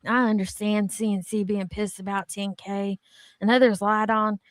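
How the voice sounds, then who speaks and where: Blunt, gossipy and free with her swearing, a female co-host chats casually and gives dramatic read-outs of comments. She speaks at a moderate pace with a medium pitch and level tone, and there's no echo.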